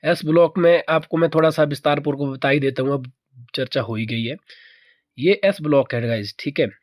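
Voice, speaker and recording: A man's voice: fairly high pitch, normal speed, no room sound. Dry close-miked male chemistry teacher. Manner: repeats key answers as questions to the viewer. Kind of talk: exam-prep chemistry lesson.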